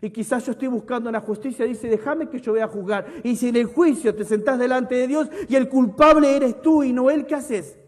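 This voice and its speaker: A man preaches in a high voice, his words carried on a long hall reverb. He booms out scripture and then drops to quiet, personal asides. The sermon sounds as if recorded in a church hall. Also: a little fast, few pauses. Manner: reads scripture aloud with emphasis, then drops to soft, intimate asides. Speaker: pastor.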